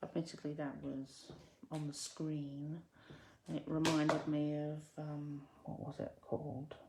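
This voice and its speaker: A woman with a low voice talks flatly and without hurry through a card-making tutorial, and the recording is very noisy. It's a casual crafting session where she mutters to herself as she works and pokes fun at herself.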